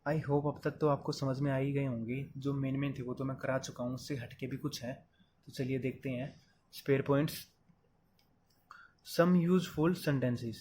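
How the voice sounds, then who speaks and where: A man's voice: medium pitch, fairly even intonation, a little slow, a little mellow, a little hiss or hum. A man teaching English phrases in a casual, explanatory Hindi lesson, going step by step and talking to the viewer like a friend. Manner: chatty, explains step by step, calls the viewer "brother".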